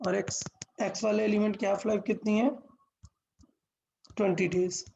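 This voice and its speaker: A woman's voice: mid-range voice, flat delivery, measured pace, creaky, mellow, highs cut off. A woman teaching a physics lesson step by step, asking questions and answering them herself, mixing English terms into Hindi.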